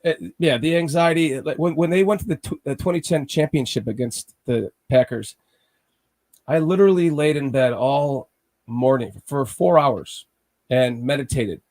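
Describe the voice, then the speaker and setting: A man hosts a casual, laid-back sports podcast while nursing a cold that makes his darkish voice slightly raspy. His pitch is middling for a man and his speed normal. He rambles, restarts sentences often, and frets nervously over games like an anxious fan.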